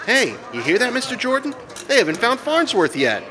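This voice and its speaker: A man's voice: extremely high pitch, a little fast, long reverb tail, a crowd in the background, full character voice. An actor playing a brash, good-hearted young male boxer in a 1940s radio drama. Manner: brash, energetic.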